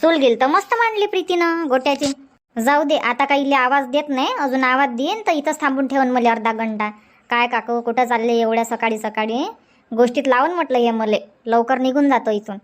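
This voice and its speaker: An actor with a high, brisk, slightly bright voice plays a chatty, stubborn village housewife in a comedy cartoon. She nags insistently and chatters away in a rural Vidarbha Marathi accent.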